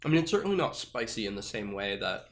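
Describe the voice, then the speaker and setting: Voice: mid-range voice, sing-song, fast. A podcast host in casual chat who leads the show and tosses in dry, teasing quips.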